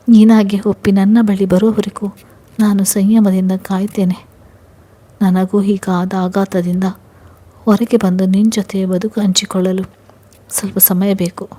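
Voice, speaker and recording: Woman reading as a gentle patient husband. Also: mid-range voice, little pitch movement, a little slow, long pauses, natural voice. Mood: tender. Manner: soft, earnest, reassuring.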